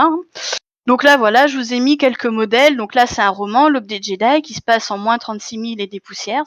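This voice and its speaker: A woman with a mid-range voice gives a live conference talk from slides, explaining things step by step with fillers and self-corrections. The sound is lo-fi, with no room sound.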